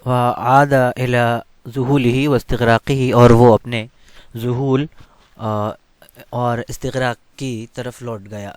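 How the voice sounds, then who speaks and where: A man's voice: medium pitch, darkish tone, no room sound. A man teaching an Arabic text. He reads each line, then translates and explains it, with many hesitant fillers.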